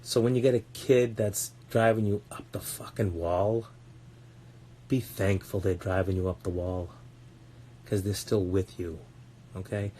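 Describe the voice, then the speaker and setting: A man's voice: fairly low pitch, fairly even intonation, unhurried, mellow, slight background noise. A man talking as a parenting coach on a casual podcast, blunt and earnest, swearing often and repeating words as he searches for them.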